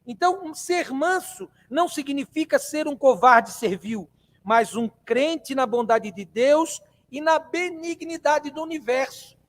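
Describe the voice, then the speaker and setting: A Brazilian man delivers a spiritist talk in a meeting hall, his voice unusually high. He talks conversationally, poses questions to his listeners and repeats phrases to drive points home. The sound carries a long reverb from the room. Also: animated, unhurried. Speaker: spiritist lecturer. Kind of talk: spiritist lecture to a live audience.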